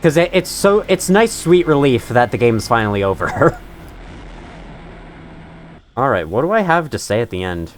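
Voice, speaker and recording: Animated, griping man in casual reaction commentary. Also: mid-range voice, moderate pace, long pauses, a little hiss or hum. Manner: opinionated, griping, chuckles through remarks. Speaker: gaming YouTuber reacting to his own old playthrough.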